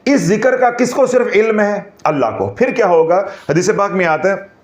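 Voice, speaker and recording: A man giving a devotional lecture as a spiritual teacher, animated and mixing in humor. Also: high-pitched, normal speed, echoey room. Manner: animated, mixes in Punjabi phrases and humor.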